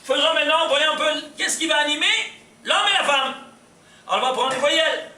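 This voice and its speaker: A man teaching a lively Torah lecture, quizzing his audience and laughing often. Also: very high voice, fairly quick. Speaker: rabbi teaching. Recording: echoey room from far off, faint hiss.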